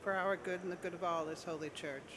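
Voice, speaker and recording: Man, high voice, congregational responses, recited liturgy, clearly noisy church recording. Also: steady tone, fast. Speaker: congregation member giving responses. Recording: clear background noise in church.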